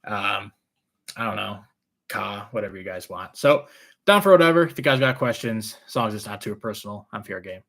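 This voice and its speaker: A man's voice: fairly low pitch, expressive, a little fast, fairly bright tone. A man with trouble saying his R's, which sound like W's, chatting casually and answering viewer questions as a rambling, easygoing live stream host.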